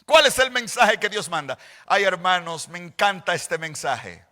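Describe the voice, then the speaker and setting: Male pastor, very high voice, slow emphatic sermon delivery, long church reverb. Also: animated. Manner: emphatic, rising to shouts on quoted scripture; slow and deliberate, repeating phrases for emphasis. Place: large church hall.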